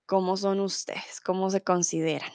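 A young adult woman teaching a live online Spanish lesson, reading out chat comments, explaining words slowly and clearly and laughing easily. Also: medium pitch, level tone, darkish tone, no echo.

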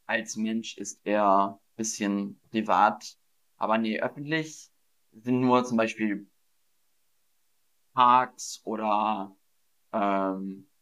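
A man teaching German on a live stream, slowly and patiently repeating words and praising his viewers. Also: mid-range voice, fairly bright tone. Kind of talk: live-streamed vocabulary quiz. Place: streaming setup at home.

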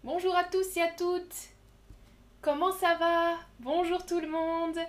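Slow, high-voiced woman teaching French. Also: little pitch movement, background noise. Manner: slow, clear, repeats words for learners. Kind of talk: live online vocabulary lesson.

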